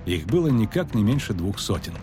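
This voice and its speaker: A man narrating a fantasy audiobook expressively, dropping low and quiet for tension. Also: very animated, brisk. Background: faint background music.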